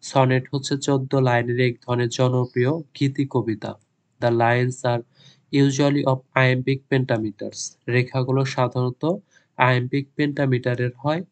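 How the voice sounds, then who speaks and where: Slow, flat-voiced male tutor. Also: mid-range voice. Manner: dictates English answers word by word, then explains in quick Bengali. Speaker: teacher. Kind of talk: exam lesson, reading English slowly and explaining in Bengali.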